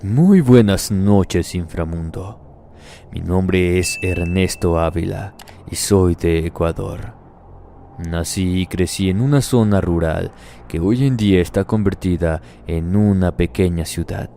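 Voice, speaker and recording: A man reading a horror story aloud in a steady, measured first-person telling as the channel's narrator. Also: low-pitched, vocal fry, a little hiss or hum.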